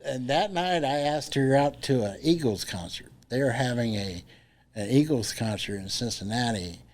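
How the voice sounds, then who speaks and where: A man's voice: mid-range voice, animated, normal speed, darkish tone. Older Ohio man, easygoing host, chuckles. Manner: laid-back, chuckling. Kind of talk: casual chat.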